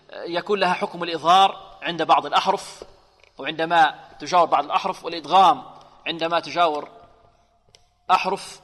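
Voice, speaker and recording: High-voiced male recitation teacher, long hall reverb; quizzes the class, drills syllables slowly and repeats. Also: pushed and bright. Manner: asks the class questions and answers them himself. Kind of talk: tajweed lesson with recited examples.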